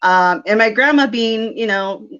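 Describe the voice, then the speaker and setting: A woman's voice: medium pitch, unhurried, fairly bright tone, smooth, lo-fi sound. A woman in her thirties from South Texas, a psychic medium chatting as a guest in an interview, laughing often. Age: 30s. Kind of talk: casual interview chat.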